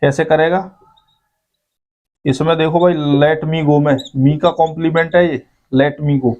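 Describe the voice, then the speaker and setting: A man with a higher voice teaches English grammar to school students at a measured pace, his intonation fairly even and the audio dull. He explains step by step and keeps adding "ठीक है भाई," meaning "okay, brother."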